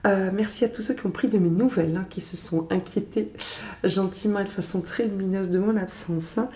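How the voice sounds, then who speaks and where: A woman, stuffy with a cold, reads tarot in a gentle, chatty way, full of small fillers. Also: medium pitch, brisk, reverberant. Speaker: tarot reader. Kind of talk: casual tarot reading to camera.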